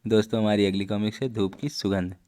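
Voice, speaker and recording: A man's voice: lowish voice, little pitch movement, fast, darkish tone, clear, resonant tone. A man reading comics aloud for his channel, chatty and speaking to viewers as friends. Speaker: comic reader and channel narrator.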